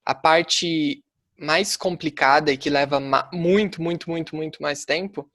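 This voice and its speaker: A man with a Brazilian Portuguese accent, a language teacher giving his view in a casual debate, talking quickly with lots of fillers. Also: a little high, steady tone, fairly bright tone, no echo. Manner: quick and chatty, many fillers like "tipo" and "né".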